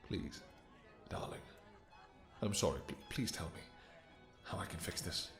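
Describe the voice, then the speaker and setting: In a romantic fantasy audio roleplay, a man voices a doting, possessive, brooding vampire king who speaks in formal, archaic, theatrical phrases. His deep voice is animated and unhurried, sounding pleading and distressed, with music playing in the background.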